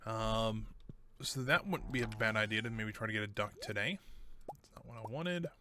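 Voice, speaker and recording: A man's voice: fairly low pitch, moderate pace, background noise. A man casually chatting with his viewers while he plays a game, correcting himself as he goes. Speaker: streamer.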